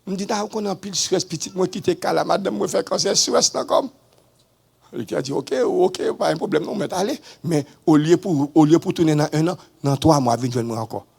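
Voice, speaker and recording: A man with a Haitian accent, a pastor giving a testimony in a sermon, swinging between low murmurs and sudden high shouts. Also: moderate pace, vocal fry, slightly rough.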